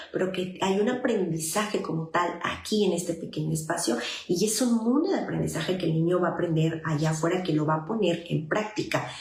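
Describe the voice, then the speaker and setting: A woman's voice: on the low side, creaky, darkish tone, roomy sound. A woman with a Mexican accent, a psychologist talking earnestly and directly to parents, with many fillers. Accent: Mexican Spanish. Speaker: psychologist giving parenting advice. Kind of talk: informal advice talk to parents.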